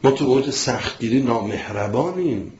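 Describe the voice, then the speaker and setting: A man's voice: medium pitch, lively intonation, a little mellow, a little hiss or hum. A man preaching a sermon with passion, acting out family conversations. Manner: impassioned, acts out family dialogues. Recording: echoey, dull lo-fi recording.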